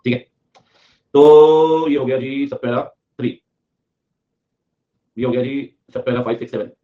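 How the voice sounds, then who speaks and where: A man teaching a live class online, moving between explanation and quick repetition of key points. His pitch sits in an ordinary middle range. The audio has a slightly dull, lo-fi quality. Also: fairly even intonation. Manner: repetitive, drills points, reads student comments aloud.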